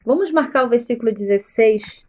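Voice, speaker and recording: During a live stream, a woman missionary reads the Bible aloud slowly and deliberately, stopping to tell listeners which verses to mark. Her pitch is fairly high, with slight background noise.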